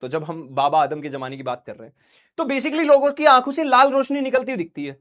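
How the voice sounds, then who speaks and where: A man's voice: very high voice, very animated, quick pace, fairly bright tone. A male teacher giving a casual, joking lecture, chatty and full of asides and questions to the class. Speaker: online teacher.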